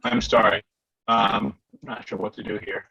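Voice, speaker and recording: Commissioner type, male, over a choppy breaking-up call; gravelly, husky, halting, lively pitch, muffled lo-fi line. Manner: halting, searching for words. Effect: choppy breaking-up call audio. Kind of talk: public meeting questions. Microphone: video call. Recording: dull lo-fi video call line.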